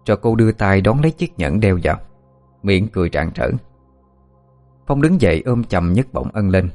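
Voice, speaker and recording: A man with a low voice tells a dramatic story in steady, scripted narration. He, and faint music plays behind him. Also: normal speed.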